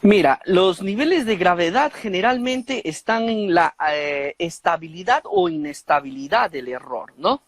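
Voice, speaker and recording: A man with a somewhat high voice explains his field patiently, often pausing on fillers and checking in with short tag questions. The sound is close and dry, with no room around him. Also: lively intonation, dry recording. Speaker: guest expert on speech disorders. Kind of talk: explanatory conversation.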